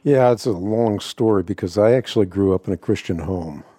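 Deep, mellow older man, unhurried. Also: dry recording. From Netherlands. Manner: measured, reflective, some repeated starts. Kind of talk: relaxed interview storytelling.

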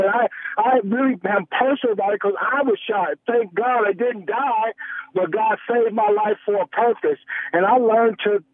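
Male phone caller, high voice, tinny line, earnest and halting. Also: dry recording. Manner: earnest, halting, many restarts. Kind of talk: call-in radio talk. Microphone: telephone.

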